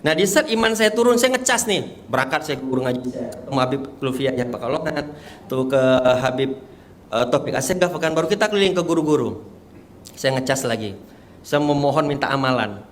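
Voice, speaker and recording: A man in his thirties giving an earnest, animated religious testimony to an audience. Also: medium pitch, a little fast, slight background noise. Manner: earnest, animated storytelling with rising excitement. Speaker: guest giving a personal testimony.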